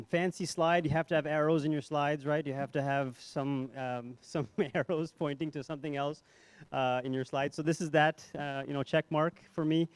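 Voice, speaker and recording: A young man gives a talk at a medical conference in an easygoing, self-deprecating way, filling it with ums and restarts. His voice sits at an ordinary middle pitch. The mic sound is dry and close, with no room echo. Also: darkish tone. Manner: conversational, self-deprecating, many fillers and restarts. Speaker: psychiatrist giving a conference talk. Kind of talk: conference presentation. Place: hotel ballroom.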